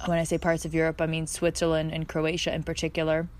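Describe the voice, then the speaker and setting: Woman, slightly low voice, podcast host, earnest and effusive, casual reflective monologue, recorded outdoors in a backyard. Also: completely flat delivery, fast talker, a little mellow.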